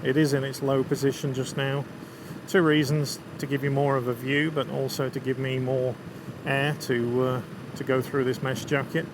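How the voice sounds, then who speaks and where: A man's voice: medium pitch, flat delivery, normal speed. A man with a Lancashire accent gives casual, chatty commentary to viewers as a motorcycle vlogger, enthusiastic and riding outdoors. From England. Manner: chatty, enthusiastic about scenery and bike. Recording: constant road, wind and vehicle noise.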